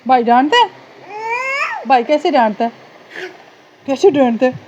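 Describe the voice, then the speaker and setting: A woman's voice: high voice, animated, a little slow, a little mellow, a little hiss or hum. Pakistani mother coaxing her toddler, muffled. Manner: coaxing, repetitive, affectionate baby talk. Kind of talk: casual home vlog talking to her toddler. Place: indoors at home, fan running.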